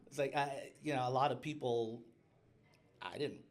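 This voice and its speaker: A man's voice: mid-range voice, moderate pace. A man guesting on a podcast, talking candidly in casual chat, often laughing and acting out quotes.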